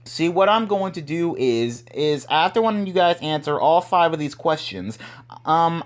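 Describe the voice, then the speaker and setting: A young man hosting a casual fan show, upbeat and rambling with many restarts. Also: fairly high pitch. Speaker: host.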